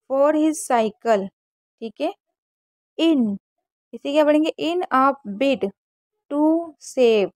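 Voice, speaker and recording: A woman's voice: fairly high pitch, darkish tone, no echo, studio quality. A woman teaching English reading, explaining how each word is spelled and sounded out and asking questions she then answers. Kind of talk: phonics reading lesson.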